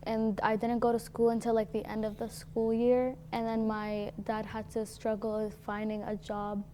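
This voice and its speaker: A woman's voice: a little high, monotone, moderate pace, warm tone, a little hiss or hum. A teenage girl from Syria telling her story casually, often saying "like". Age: teens. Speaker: guest. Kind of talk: personal storytelling.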